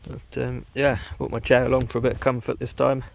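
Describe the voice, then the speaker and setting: Gravelly-voiced man vlogging outdoors. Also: medium pitch, brisk. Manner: relaxed, chatty, lots of ums. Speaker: wild camping vlogger. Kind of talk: casual outdoor vlog narration. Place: outdoors on a windy hillside.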